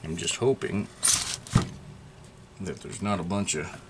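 A middle-aged man, host of a chainsaw repair channel, casually discusses an old tool at his workbench in an indoor repair workshop, reasoning aloud and bursting out in surprise now and then. He has a deep voice and takes his time. The recording is very noisy in this informal show-and-tell.

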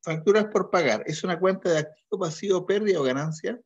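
A man's voice: high voice, fast talker, breathy edge, dull audio. A male accounting teacher leading an online class, patiently quizzing students step by step. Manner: questioning students, patient and methodical.

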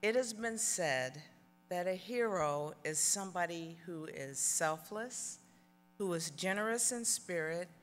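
A middle-aged woman delivers a formal tribute speech with deliberate, emphatic phrasing at a podium microphone. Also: lowish voice, a bit bright. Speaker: award presenter introducing the honoree. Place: large banquet hall stage. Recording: echoey hall PA with some music.

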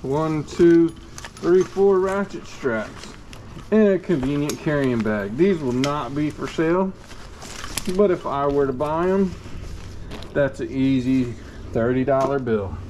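A man vlogging as he sorts through a storage unit, talking in a folksy, unhurried way while he thinks aloud. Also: a little high, a little mellow. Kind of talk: casual chest-cam vlog narration. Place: metal storage unit and gravel lot outdoors. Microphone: chest-mounted action camera. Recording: noisy outdoor action-camera audio.

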